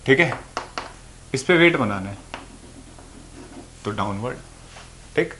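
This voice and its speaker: A man's voice: mid-range voice, animated, slow, bright, forceful tone, slight background noise. A man teaching physics to students, explaining patiently and answering his own questions as he goes. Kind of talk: classroom lecture. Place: classroom or room with a board.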